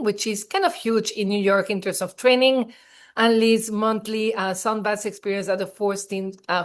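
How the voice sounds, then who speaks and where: A woman hosting an interview podcast, introducing her guest with enthusiasm. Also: medium pitch. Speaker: podcast host.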